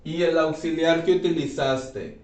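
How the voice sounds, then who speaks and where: A man teaching an English grammar class, explaining slowly and checking in with his students often. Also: on the high side, fairly even intonation, a little mellow. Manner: slow, repeats and checks with "¿sí?". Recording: echoey room, voice from far off.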